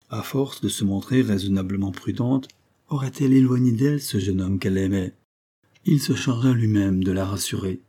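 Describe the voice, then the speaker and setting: A man reading a classic novel aloud in a measured, even storytelling manner. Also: lowish voice, breathy edge. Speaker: audiobook reader.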